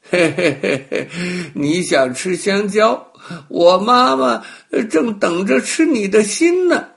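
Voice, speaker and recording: A man's voice: mid-range voice, animated, takes it slowly. A man voicing a scheming young male crocodile in a children's story, coaxing and wheedling. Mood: gloating.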